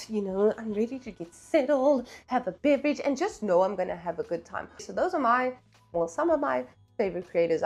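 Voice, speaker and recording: A book vlogger with a fairly high, darkish-toned voice chats casually. She's playful and talkative, dropping slangy, self-deprecating asides.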